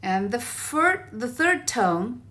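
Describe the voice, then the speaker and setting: Woman, very slow and deliberate, crisp bright tone, patient teacher. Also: on the high side, sing-song. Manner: careful, repeats sounds slowly for learners. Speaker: language teacher. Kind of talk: slow spoken lesson.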